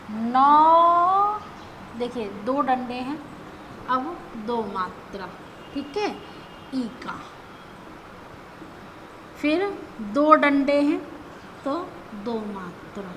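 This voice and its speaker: A woman's voice: high-pitched, bright, forceful tone, slight background noise, rough recording. A woman teacher explaining grammar step by step, patient, who often checks in with her students as she goes.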